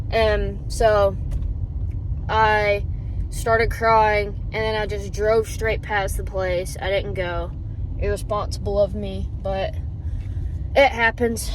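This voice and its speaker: A woman's voice: medium pitch, slight background noise, low-quality recording. A woman chatting casually and candidly to the camera in a rambling, informal running vlog. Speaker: running vlogger.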